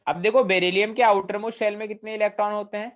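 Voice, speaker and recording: Talking fast in a high, fairly bright voice with fairly even intonation, a man delivers a chemistry lecture in a classroom. His Hindi is mixed with English technical terms, and he often questions the class to check comprehension. The audio is dull and lo-fi.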